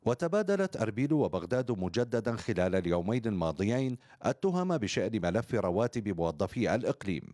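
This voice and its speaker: A man's voice: on the low side, big pitch swings, quick pace, a little mellow, dry recording, studio quality. A middle-aged man narrating a scripted television news report.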